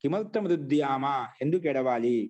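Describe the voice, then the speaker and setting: A man teaching Sanskrit grammar in an online class, repeating each phrase slowly so students can write it down. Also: mid-range voice, expressive, dark tone, highs cut off.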